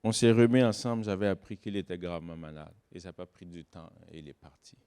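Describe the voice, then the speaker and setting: A man giving a sermon as guest pastor, swinging between loud, slow emphasis and soft, low asides. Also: clean tone. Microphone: online church service recording.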